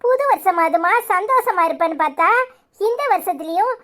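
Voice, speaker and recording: Woman doing a bossy kind mother-in-law in a tamil cartoon, high voice, fusses and gives orders. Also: animated, brisk, a bit bright. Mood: fussing. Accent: Tirunelveli Tamil. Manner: fussing, instructing.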